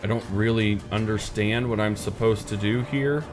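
A man's voice: lowish voice, fairly even intonation, moderate pace, music in the background. A man in his thirties hosting a casual let's play, thinking aloud in an easygoing way. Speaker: gaming channel host. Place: indoor room.

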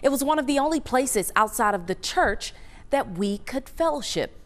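A woman reporter giving a measured, scripted news narration. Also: high-pitched, lively intonation. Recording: voice-over with music bed.

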